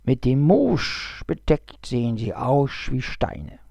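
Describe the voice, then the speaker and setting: A man voicing a female snake in a storybook reading, with a lisping, hissing, whispery voice and a drawn-out delivery. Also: mid-range voice, sing-song, gravelly, darkish tone, slightly rough, dry recording, muffled recording, full character voice. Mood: knowing.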